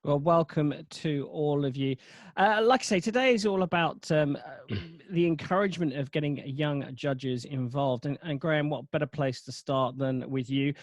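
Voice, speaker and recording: A man's voice: on the high side, moderate pace, no echo. A man hosting a roundtable over a video call, chatty, with many fillers and restarts. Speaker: host. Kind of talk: casual chat.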